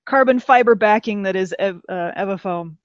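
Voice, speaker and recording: A woman from Texas hosting a casual podcast, chatty and animated, laughing often. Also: medium pitch, moderate pace, no room sound, lo-fi sound. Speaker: podcast host.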